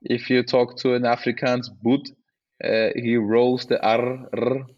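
A man with an Austrian accent, a native German speaker, chatting casually and haltingly as he searches for words. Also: medium pitch, level tone, a little mellow, dull audio. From Austria, small village. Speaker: interview guest, mountain bike rider. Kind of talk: casual chat.

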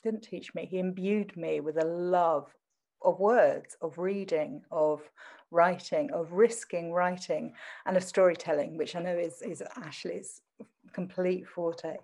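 Woman, middle-aged, slightly low voice. Standard English with a hint of Essex accent. Reflective, articulate, self-deprecating interview guest. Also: fairly even intonation, a little slow, a little mellow. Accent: English, adopted standard with traces of Essex. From Southend in Essex, England.

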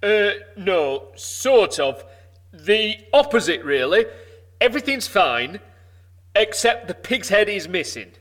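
An actor playing a flustered, deferential cook at a medieval castle, with hesitant, rustic working-class peasant speech. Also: male voice, high voice, big pitch swings, slow, a bit bright, full character voice. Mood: sheepish, worried.

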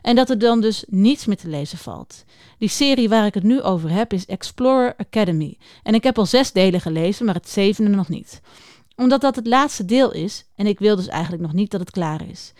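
A woman gives a scripted introduction to a children's book series, speaking directly and warmly to young listeners. Her voice sits at a middle pitch. The sound is dry and close, with no room echo. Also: animated, a little fast. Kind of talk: scripted morning-opening talk for children.

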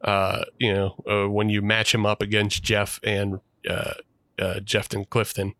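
A man's voice: on the low side, unhurried, dry recording. A man co-hosting a podcast, talking casually about his old student film with plenty of fillers and laughs. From Pennsylvania. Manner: relaxed, rambling with frequent fillers and laughs. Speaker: podcast co-host, former student filmmaker.

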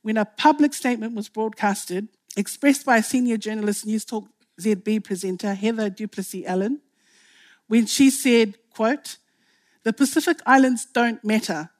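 A woman's voice: medium pitch, moderate pace, a little mellow. A woman from Tonga, a filmmaker giving an impassioned public speech. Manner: impassioned, rising to emphatic outbursts. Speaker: filmmaker speaking on a panel.

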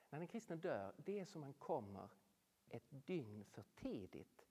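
A preacher giving a sermon, animated, with rhetorical questions and swings between loud and hushed. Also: medium pitch, long reverb tail. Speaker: speaker addressing a Norwegian audience.

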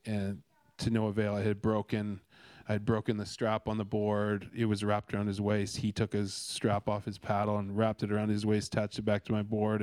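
A man's voice: on the low side, a little mellow, dry recording. A man from Canada giving a casual devotional talk, earnest and rambling, with many restarts and fillers. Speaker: speaker sharing a devotional.

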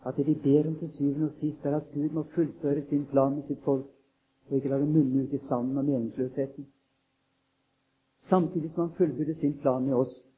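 Husky preacher man on a tinny recording. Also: fairly high pitch, steady tone. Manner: solemn, emphatic reading that builds to raised declarations. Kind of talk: sermon with scripture reading.

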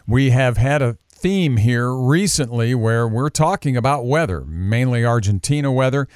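Crisp male farm radio market host. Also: mid-range voice, lively intonation, moderate pace, darkish tone, dry recording, studio quality. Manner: crisp announcer delivery of prices. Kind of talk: broadcast market report.

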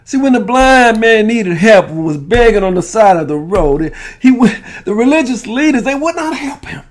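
A man preaching a sermon, impassioned and repetitive, building to shouted pleas with frequent restarts. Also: high-pitched, very animated, moderate pace.

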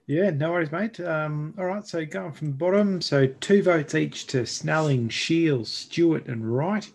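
A man's voice: fairly high pitch, unhurried, gravelly, darkish tone, slightly rough. An Australian man co-hosting a casual football podcast, talking through players and tallies. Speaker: sports podcast co-host.

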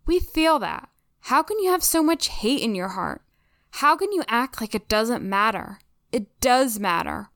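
A woman's voice: sits high, a bit bright, no room sound, studio quality, voice pushed up, heavily acted. A woman reading as an earnest pleading teen girl. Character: upset teenage girl pleading with classmates.

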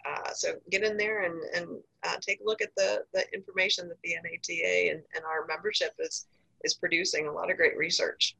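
An American woman giving informal information as a podcast guest, in a halting, hesitant way. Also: fairly low pitch, flat delivery, vocal fry, pushed and bright, slightly rough, poor audio. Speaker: podcast guest, safe zone trainer.

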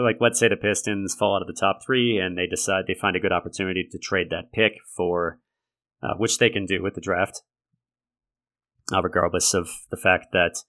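Deep voiced guy doing a solo sports podcast, gravelly and raspy like he's getting over being sick, analytical but conversational. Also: a bit bright. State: raspy from a lingering respiratory infection. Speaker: podcast host. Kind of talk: sports commentary monologue.

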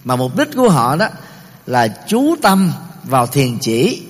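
Slow, measured middle-aged male lecturer. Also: mid-range voice, sing-song. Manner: measured, explaining terms one by one, with many pauses and fillers. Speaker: Buddhist lecturer. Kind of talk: explanatory Dharma talk. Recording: long reverb of a large hall.

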